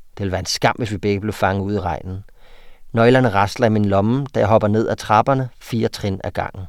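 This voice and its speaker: Danish man, writing teacher, low voice, halting and filler-heavy, dry recording. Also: gravelly, darkish tone, no echo. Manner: hesitant, many fillers when explaining. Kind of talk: interview talk and reading student texts aloud.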